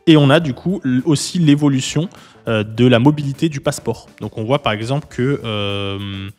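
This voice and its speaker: A man hosting a casual explainer video, talking viewers through a website in a relaxed, chatty way with frequent fillers and restarts. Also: mid-range voice, normal speed, long reverb tail, faint music behind. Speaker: YouTube host, legal consultant. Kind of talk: casual explainer with screen walkthrough.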